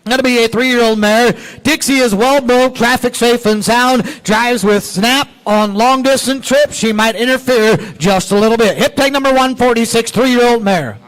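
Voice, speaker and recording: A man's voice: extremely high pitch, normal speed, few pauses, fairly bright tone, poor audio. A man announcing at a livestock auction, describing the animals for sale in folksy salesman patter. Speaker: auction announcer, pedigree reader.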